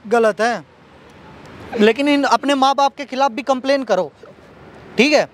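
A man's voice: very high voice, measured pace, slight background noise. A man appealing to viewers for help, pleading and repeating himself, and soothing when someone cries. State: unwell. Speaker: vlogger helping a young woman.

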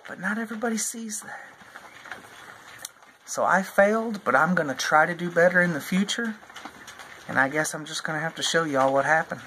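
A man in his forties making a mock-serious confession to a phone camera held at arm's length in an open barn, slow and solemn with long pauses. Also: on the high side, slight background noise. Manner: slow, solemn, deadpan delivery with drawn-out pauses. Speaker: farm vlogger.

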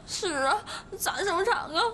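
A woman's voice: extremely high pitch, animated, a little slow, bright, forceful tone, a little hiss or hum, full character voice. An actress playing a distraught young woman who cries and stammers as she pleads. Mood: tearful. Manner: sobbing, stammering pleas. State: crying. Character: distraught young woman Caomei, tearful and clingy. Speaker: young woman claiming pregnancy.

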